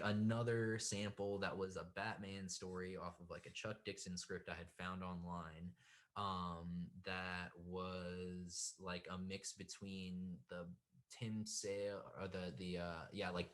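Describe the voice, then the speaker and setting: A young man, a comic artist, telling a story in casual chat, full of fillers and acting out what others said. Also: sits low. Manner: animated, acts out quotes, many fillers.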